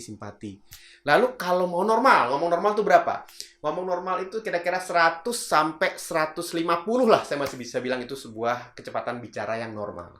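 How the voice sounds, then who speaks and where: A man coaching public speaking in a casual video lesson, lively and demonstrative, using casual slang. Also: medium pitch, roomy sound.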